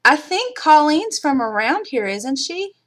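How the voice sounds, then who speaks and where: Speaking in a high, very animated voice with a fairly bright tone, a livestream crafter from Kentucky talks a little slowly. The middle-aged woman has a mild Kentucky accent and casually chats with her viewers, responding to the chat as she goes.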